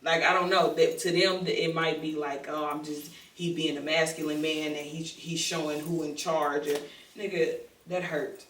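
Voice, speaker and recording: Bright-voiced candid female guest. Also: deep voice, steady tone, moderate pace, slight background noise. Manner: candid, emphatic, slangy. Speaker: podcast guest. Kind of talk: casual podcast interview. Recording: echoey room, distant mic.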